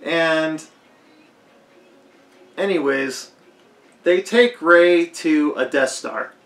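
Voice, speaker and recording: A man with a hoarse, fading voice giving a rambling, unscripted movie commentary, leaning hard on "like". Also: fairly high pitch, extremely slow, fairly bright tone. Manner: rambling, heavy use of "like". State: hoarse, losing his voice. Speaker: film commentator. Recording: echoey roomy recording.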